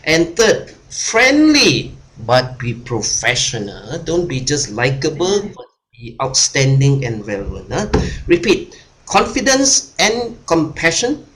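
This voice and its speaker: A man's voice: a little high, a bit bright. A man coaching a group over a video call, repeating his points and tagging them with "huh?". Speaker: speaker and coach. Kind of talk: online workshop talk.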